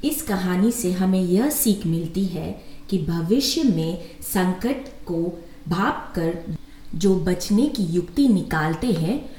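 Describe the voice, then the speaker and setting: A woman calmly reading a fable aloud as a storyteller, in a measured way. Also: lowish voice, a little hiss or hum. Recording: echoey room.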